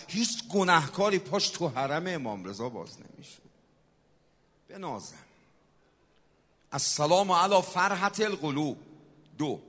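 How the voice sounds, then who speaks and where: A man preaching a sermon, swinging from shouted exhortation to soft, hushed storytelling. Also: fairly high pitch. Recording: long hall reverb.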